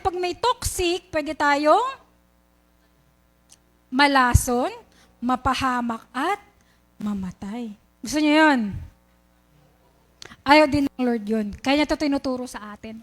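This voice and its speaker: A woman's voice: sits high, a bit bright. A Filipina woman with a Filipino accent preaching a sermon in church, telling a Bible story and asking the congregation questions.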